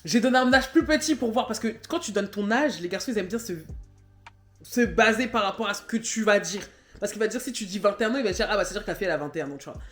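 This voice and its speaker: A woman in her twenties telling a personal story in a chatty vlog, talking loosely with lots of fillers and animated bursts. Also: medium pitch, quick pace, echoey room, faint music behind. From Cameroon. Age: 20s. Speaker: vlogger. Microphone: phone camera.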